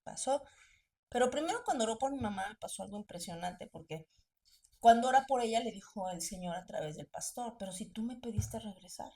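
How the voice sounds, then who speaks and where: A woman's voice: fairly high pitch, animated, a little fast, a little mellow. A woman, a missionary guest, telling her personal faith testimony in an earnest storytelling way, acting out remembered voices.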